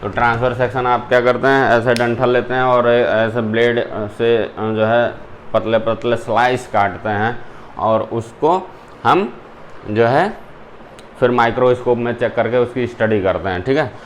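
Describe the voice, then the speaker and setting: A man's voice: mid-range voice, a little slow, a little hiss or hum. A male zoology teacher giving a classroom lecture, explaining step by step and mixing in English terms.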